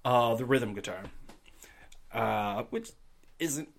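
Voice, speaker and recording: A man's voice: mid-range voice, animated, takes it slowly, creaky. A man running a tabletop game as game master. He narrates casually, laughs often and swears freely.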